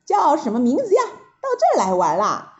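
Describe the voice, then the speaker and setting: A woman's voice: high-pitched, sing-song, measured pace, darkish tone, lo-fi sound. A woman voicing a boastful, cheeky male Monkey King with a teasing, mocking manner, in a storybook reading.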